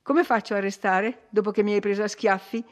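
A woman reading a gentle, wounded young gentleman. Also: medium pitch, fairly even intonation, brisk, natural voice. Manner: wounded, pleading. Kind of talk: audiobook character voice.

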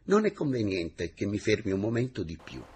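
A man voicing a proud, frank young schoolmistress who speaks in a firm, measured, sincere way. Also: on the low side, sing-song, darkish tone, a little hiss or hum, pitched above the performer's own voice. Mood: firm refusal.

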